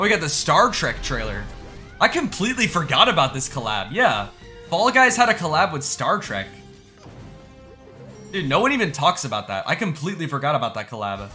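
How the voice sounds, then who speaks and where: Casual and slangy, a young male gaming YouTuber reacts in a voice that's a little high, narrating his thoughts out loud as he goes in an informal way.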